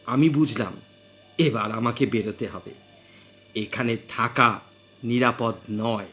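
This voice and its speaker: A man's voice: mid-range voice, takes it slowly, fairly bright tone. A man narrating a comic short story with dry, wry asides.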